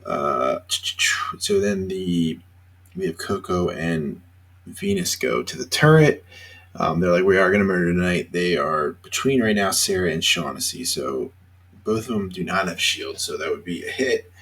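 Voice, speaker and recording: A tired man hosting a casual solo reaction show, rambling with lots of fillers and pauses between thoughts. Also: sits low, animated, fairly bright tone, husky. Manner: rambling, hesitant, many fillers. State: tired, yawning. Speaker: reality TV reaction host.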